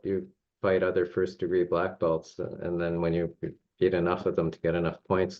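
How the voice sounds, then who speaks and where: A man's voice: low-pitched, creaky, mellow. A middle-aged man from Canada, a judo coach telling stories in a casual interview, chuckling often and rambling with plenty of fillers. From Toronto, Canada. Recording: slightly dull lo-fi recording.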